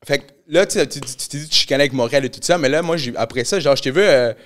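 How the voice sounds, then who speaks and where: A man's voice: medium pitch, racing. Slangy Québécois man telling a story. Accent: Québécois French. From Canada. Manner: animated, slang-heavy, mixes English. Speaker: podcast host. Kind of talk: casual storytelling chat.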